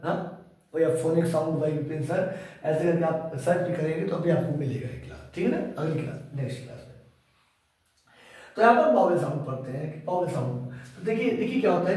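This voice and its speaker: A man's voice: sits high, darkish tone. A man teaching English grammar in a lecture, repeating his questions and answering them himself. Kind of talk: classroom lecture. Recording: echoey room, mic far off.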